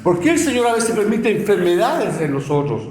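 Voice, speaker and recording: Middle-aged chilean guy preaching, high voice, emotional, repeats words, echoey room. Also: sing-song, fairly quick, a little mellow. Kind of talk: sermon.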